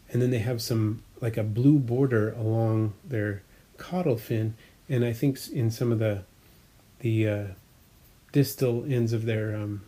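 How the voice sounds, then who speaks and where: A man's voice: mid-range voice, warm tone, husky. A man casually chatting about his fish tanks, rambling a little and correcting himself as he explains. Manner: rambling, self-correcting, frequent fillers; explanatory, hobbyist detail. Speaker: aquarium hobbyist vlogger. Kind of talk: casual chat.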